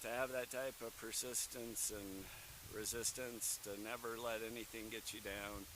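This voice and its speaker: A man giving an informal, heartfelt eulogy as a son at a graveside, speaking plainly and haltingly. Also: on the low side, little pitch movement. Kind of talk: informal memorial tribute. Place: outdoor graveside service. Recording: hissy, noisy outdoor recording.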